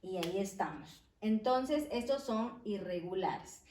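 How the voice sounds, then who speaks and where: A woman teaching an English grammar lesson, explaining slowly and deliberately, stopping to spell out words as she writes. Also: medium pitch, expressive, warm tone, recorded from a distance, slight background noise. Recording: echoey room, voice from off-mic.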